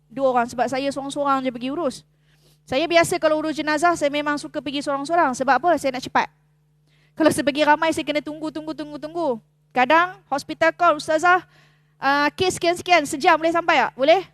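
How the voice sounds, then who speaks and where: A middle-aged woman with a Malaysian Malay accent teaches a class, her high voice recorded close and dry with almost no room sound. She tells stories in an animated way and acts out the other people's voices as she goes. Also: dry recording. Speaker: religious teacher leading a funeral-rites course. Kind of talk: storytelling lecture to a class. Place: mosque.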